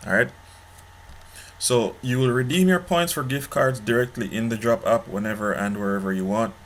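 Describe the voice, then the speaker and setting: A man's voice: normal speed, slight background noise. A man hosting an app review channel. He talks casually, repeats his points and keeps checking in with "okay?". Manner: pitchy, repeats himself, asks "okay?" often. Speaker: online money-making channel host.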